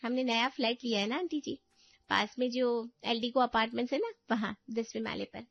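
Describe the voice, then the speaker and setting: A woman's voice: fairly high pitch, brisk, gravelly, dry recording. A woman voicing a cheerful young female cousin in a cartoon story, friendly and polite. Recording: dull dry voice-over with faint music.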